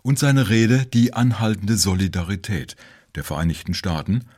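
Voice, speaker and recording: A man narrating a history documentary in a measured, informative way. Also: on the low side, darkish tone, breathy edge.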